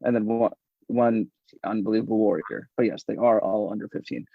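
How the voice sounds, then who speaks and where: A man chatting casually as a podcast guest, animated and rambling, laughing often. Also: on the low side, fairly quick, creaky, no room sound. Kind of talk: casual chat. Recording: dull, dry lo-fi sound.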